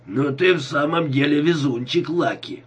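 A man's voice: on the high side, normal speed, husky, far from the mic. A man doing a bellowing drunk lecher. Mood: leering. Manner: slurred bellowing, crude.

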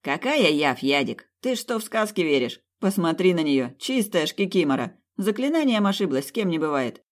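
A woman's voice: fairly low pitch, very animated, moderate pace. A woman voicing a skeptical, mocking snake-man in a fantasy story.

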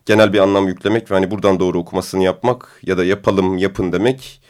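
A radio show host runs a discussion program in a deep, booming voice, speaking fast but in a relaxed, hesitant way full of fillers.

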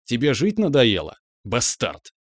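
A man's voice: mid-range voice, lively intonation, moderate pace, a little mellow, no room sound, lightly acted. A man voicing a fierce, contemptuous male cleric warrior in an audiobook, snarling and barking his lines. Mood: angry. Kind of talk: audiobook character voice.

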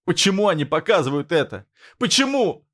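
A man playing a shrill, hysterical young woman. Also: sing-song, a little fast, fairly bright tone. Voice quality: shrill, cracking cries.

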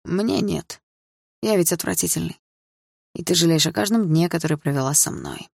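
A woman voicing a sullen, grieving teenage boy in an audiobook, speaking in a flat, clipped way. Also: on the low side, moderate pace, gravelly, husky, dry recording, studio quality. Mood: bitter.

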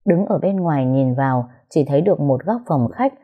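A woman narrating a story in the first person, calm and unhurried. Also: low voice, husky.

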